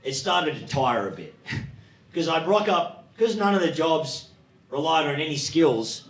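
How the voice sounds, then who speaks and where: A man in his late thirties with an Australian accent tells stories unhurriedly during a stand-up set on a comedy club stage, acting out voices with sudden high, excited jumps. The club room is echoey, with an audience present.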